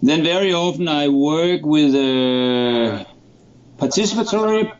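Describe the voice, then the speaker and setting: A man's voice: fairly high pitch, takes it slowly. A middle-aged man, an associate professor speaking thoughtfully and hesitantly, with many fillers, in an interview over a video call. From Denmark. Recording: echoey, muffled call audio.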